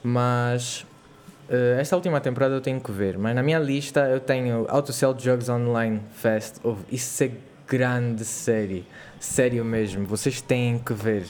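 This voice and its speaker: A man's voice: mid-range voice, unhurried, a little mellow. A young man co-hosting a podcast, talking casually among friends. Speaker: podcast co-host.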